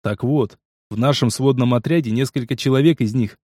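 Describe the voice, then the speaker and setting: A man's voice: mid-range voice, brisk, warm tone, dry recording, studio quality, lightly acted. A man reading the lines of a curt, irritable male mercenary hero in an audiobook. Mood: terse.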